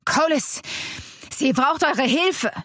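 Woman reading desperate male warrior, forceful and pleading, raised voice, dry sound, storybook. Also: a little high, normal speed, dry recording, close to an everyday voice.

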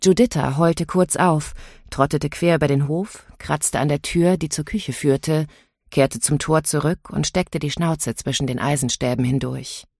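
A woman's voice: deep voice, steady tone, darkish tone, husky, dry recording. Woman reading an audiobook, dry sound. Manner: measured, inward storytelling. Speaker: audiobook narrator. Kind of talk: scripted first-person narration.

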